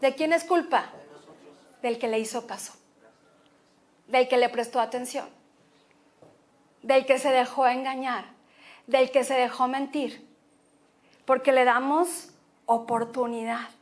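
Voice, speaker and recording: A Mexican woman pastor preaches with a high, bright voice. She is expressive and drives her points home by repeating her phrases. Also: takes it slowly, long pauses. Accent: Mexican Spanish. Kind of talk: sermon.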